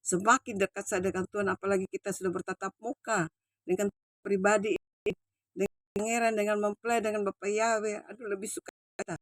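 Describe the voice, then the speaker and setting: A woman's voice: medium pitch, level tone, no echo. An older woman in her sixties, a preacher giving an earnest personal testimony sermon, repeating herself and restarting phrases as she goes. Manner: earnest, repetitive, halting retelling with many restarts.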